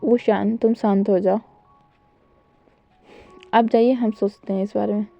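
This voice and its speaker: A woman voicing an elderly grandfather, over 60, who gives calm, measured commands. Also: medium pitch, gravelly, dry recording, muffled recording, soft background music.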